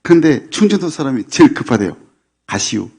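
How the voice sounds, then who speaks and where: Middle-aged pastor guy giving a sunday sermon, slow easygoing delivery, lots of little "yes" fillers, bit of humor. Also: lowish voice, creaky, dark tone. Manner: unhurried, with frequent filler "yes" and light humor. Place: church sanctuary.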